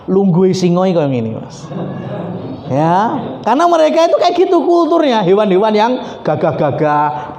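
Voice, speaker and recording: A male preacher with a Javanese accent giving an animated, joking religious study lecture, slipping into Javanese and Arabic recitation. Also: high voice. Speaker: Islamic preacher. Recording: echoey hall, faint background noise.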